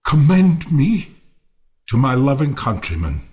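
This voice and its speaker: An actor playing Timon, a bitter, world-weary misanthrope, theatrically mournful and ranting in a Shakespearean audio play. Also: male voice, medium pitch, very animated, unhurried. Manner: theatrical, swinging from quiet to declaiming.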